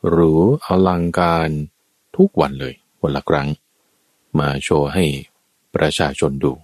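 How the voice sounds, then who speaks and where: Deep-voiced Thai preacher telling a tale. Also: male voice, a little slow, no echo. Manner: lively storyteller, acts out quoted characters with sudden high shouts. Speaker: dharma preacher. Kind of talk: storytelling Buddhist sermon.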